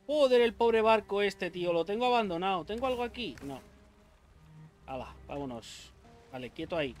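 A young man, doing let's play commentary, excitable and swearing often, yelping when attacked. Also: on the high side. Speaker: gaming YouTuber.

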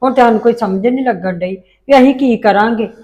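A woman's voice: on the high side, a little fast, warm tone, lightly acted. A woman with a Punjabi accent playing an older village mother who pleads with and protects her son. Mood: worried pleading. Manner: coaxing, repeated pleading. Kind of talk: family drama dialogue.

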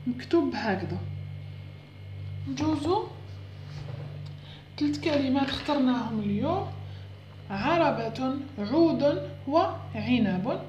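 A woman, patiently teaching first-grade letters and sounding out syllables slowly. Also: sits high, darkish tone, echoey room, highs cut off, slight background noise. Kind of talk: home lesson on Arabic letters for parents.

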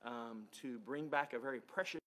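A man's voice: mid-range voice, moderate pace, bright, forceful tone. A man, a pastor chatting casually with his congregation and laughing often. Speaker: pastor leading praise time. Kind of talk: casual church talk with congregation.

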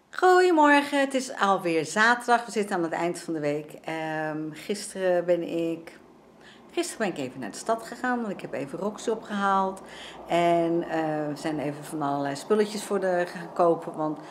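An older woman from the Netherlands chatting casually in a home vlog, with plenty of fillers as she walks through her sewing and cooking. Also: fairly low pitch. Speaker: vlogger. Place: home interior.

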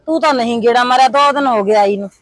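A woman's voice: on the high side, fast talker, no echo, natural voice. A woman playing a village headman's worried wife, with a Punjabi accent, complaining about her husband. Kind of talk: village comedy drama.

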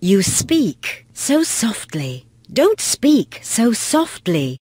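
A woman reading short English phrases slowly and deliberately for a language course, pausing between each. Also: fairly high pitch, very animated, darkish tone, slightly rough, no echo, clean studio sound. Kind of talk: slow scripted phrasebook reading.

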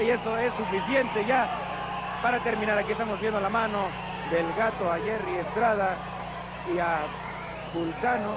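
High-pitched Mexican wrestling commentator, a man. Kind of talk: live play-by-play wrestling commentary. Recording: noisy old TV wrestling broadcast.

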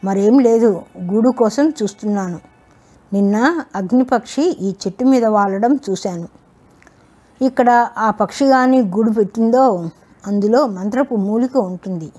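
Lady reading as a calm clever young guy, slow and cool, warm voice. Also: fairly high pitch, soft background music. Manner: unhurried, coolly confident. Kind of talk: storybook reading.

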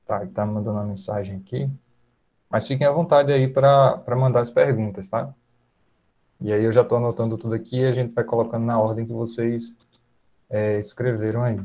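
A man in his thirties with a Northeastern Brazilian accent, moderating a webinar over a video call in a relaxed, filler-heavy way. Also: mid-range voice, a little fast. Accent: Northeastern Brazilian Portuguese. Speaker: event moderator. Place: small room at home. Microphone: earphones, video call.

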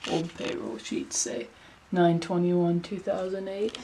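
A young woman talks casually to her camera while poking through abandoned buildings in the woods, her low voice gravelly at the edges. She rambles with fillers and quick asides. The handheld recording carries a loud bed of background noise. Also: level tone, poor audio. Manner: chatty, filler-heavy, hushed asides. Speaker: vlogger exploring abandoned places. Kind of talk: casual exploring commentary. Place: abandoned amusement park, indoors and outdoors in woods.

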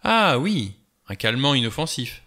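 Curt, acerbic doctor read by a man, forceful, bright tone. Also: medium pitch, big pitch swings, a little slow, voice pushed up, exaggerated voice. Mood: defensive. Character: prickly, defensive male doctor.

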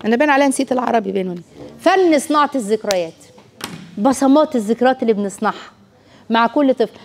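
A woman with an Egyptian accent lectures parents at a brisk clip, her voice sitting high. She talks in a lively way and often slips into children's voices to act out scenes. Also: slight background noise. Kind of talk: lecture to an audience.

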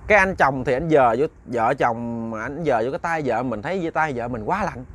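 A man with a Southern Vietnamese accent tells a ghost story in a chatty way, speaking straight to his listeners. His medium-pitched voice is expressive and a bit bright, at a moderate pace.

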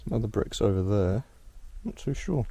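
A man's voice: on the low side, expressive, moderate pace, mellow, a little hiss or hum. A man walking through a ruined house outdoors and musing aloud about what he finds. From Australia. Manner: curious, musing aloud, thinking on his feet. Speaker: exploration vlogger. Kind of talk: casual walkthrough narration.

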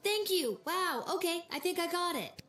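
A woman's voice: extremely high pitch, lively intonation, moderate pace, fairly bright tone, echoey room, a little hiss or hum. A woman voicing a blunt, teasing young girl guard. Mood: snarky.

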